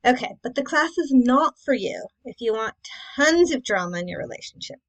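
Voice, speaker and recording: A woman's voice: high voice, animated, normal speed. A woman coaching in a casual, chatty presentation, talking informally to her audience with rhetorical questions and frequent check-ins. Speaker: dating coach and class host. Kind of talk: casual instructional presentation to camera.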